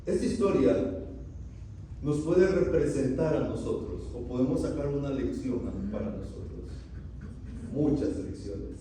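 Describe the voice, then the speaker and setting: A man preaching a sermon, asking the congregation loud rhetorical questions and then dropping to quiet, solemn lines. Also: medium pitch, measured pace. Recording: very echoey, distant from the mic, faint room noise.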